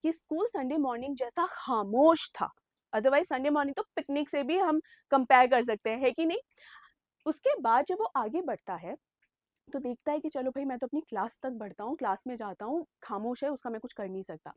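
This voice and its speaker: A woman's voice: high voice, animated, moderate pace, no echo, studio quality. A young woman teacher explaining a story chapter to exam students, mixing English phrases into her explanation and calling them "beta". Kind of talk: online exam-prep lesson.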